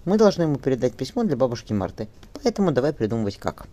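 A man's voice: medium pitch, sing-song, fast, dark tone, lightly acted. A man reading an audiobook and voicing a resolute young mother, firm and tender with her daughter, his voice raised somewhat. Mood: determined.

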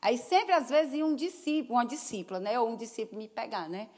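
A woman pastor delivers a sermon to a congregation with a slightly high voice. She preaches in a folksy, chatty style and wanders into homely stories and asides. She keeps calling out to the crowd for an answering amen. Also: animated, fast, darkish tone. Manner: call-and-response, asking the congregation "Amém?". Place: church service before a congregation.

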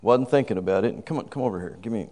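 A man in his fifties with a lowish voice preaches a rapid-fire sermon, exuberantly calling out praise and shouting "woo." A congregant is part of the exchange, and the sound echoes through a reverberant hall.

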